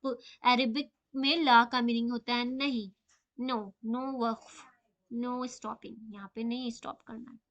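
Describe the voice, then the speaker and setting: A woman teaching Quran recitation rules in a live online class, patiently repeating and slowly drawing out example words. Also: on the high side, fairly even intonation, gravelly, a bit bright, muffled recording.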